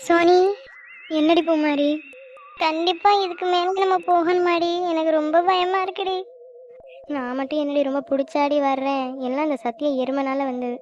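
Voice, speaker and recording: A woman's voice: sits high, steady tone, normal speed, muffled recording, a little hiss or hum, close to an everyday voice. A woman voicing a timid girl who pleads and whines that she is scared. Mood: whining. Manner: whiny, pleading. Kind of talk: cartoon voice acting.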